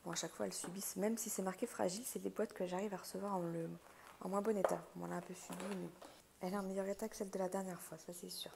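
A woman with vocal fry and a gravelly morning voice, chatting through an unboxing and thinking aloud. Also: medium pitch, flat delivery, racing. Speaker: craft unboxing host. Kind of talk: casual unboxing chat. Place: indoors at a wooden table. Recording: handling clicks and crinkling noise. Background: crinkling plastic, clicks.

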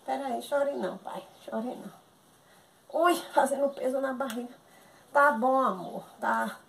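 A content creator, a woman with a high, gravelly voice at a moderate pace, performs a comic one-sided phone conversation. She sounds chatty, pleading, and exasperated, and the echoey room carries loud background noise.

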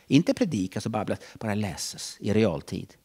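A middle-aged man preaching a sermon in a church, switching between loud calls and hushed asides. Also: on the low side, breathy edge. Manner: animated, swings between shouting and hushed asides. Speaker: pastor.

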